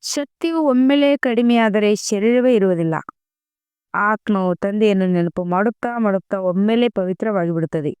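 A woman reading a devotional spiritual discourse aloud in a slow, measured recitation with emphatic pauses. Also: medium pitch, a little mellow, clean tone, no echo. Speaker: murli reader.

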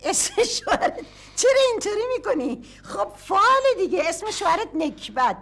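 A bossy fortune teller. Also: female voice, very high-pitched, big pitch swings, full character voice. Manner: domineering, fast-talking. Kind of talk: sitcom acting.

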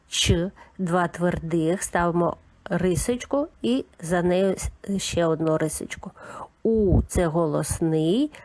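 A woman giving a calm, methodical lesson for young children, naming each sound of a word one by one. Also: fairly low pitch. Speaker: teacher. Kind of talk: slow, patient children's literacy lesson.

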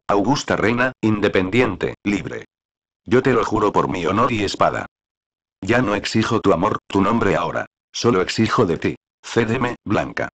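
A man reading the part of a cruel, scheming nobleman in a play, in slow, solemn verse. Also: fairly low pitch, a bit bright.

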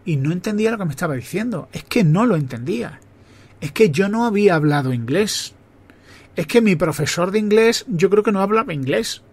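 A man from Spain with a Spain Spanish accent, hosting a podcast and telling personal stories from memory in a relaxed, conversational way, often correcting himself as he goes. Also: high voice, fairly quick, husky. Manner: reminiscing, conversational, with self-corrections. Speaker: podcast host. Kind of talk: personal storytelling monologue.

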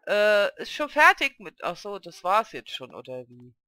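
Very bright, lively woman gaming commentator. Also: mid-range voice, measured pace, dry recording. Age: adult with a child. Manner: chats to the game characters, urging and grumbling. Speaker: let's play host. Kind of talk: let's play gameplay commentary. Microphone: headset.

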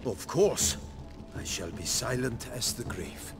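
An actor playing a loyal middle-aged former palace servant in a video game, deferential and eager to serve. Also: male voice, mid-range voice, lively intonation. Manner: deferential and eager, drawn-out phrasing. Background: game music.

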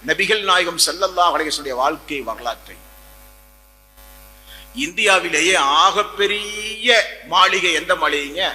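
A man delivers an Islamic sermon, pressing his points with repeated phrases and rhetorical questions. His voice sits high and sounds sharp and piercing. It carries a long reverb, as if spoken in a large hall. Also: unhurried, pauses often. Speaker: preacher.

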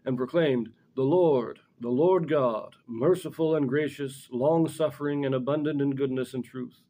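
A mellow, mid-range voice belongs to a middle-aged man leading an informal religious lesson in a small indoor room with a blackboard. As a scripture commentator, he explains things carefully and corrects himself as he goes.

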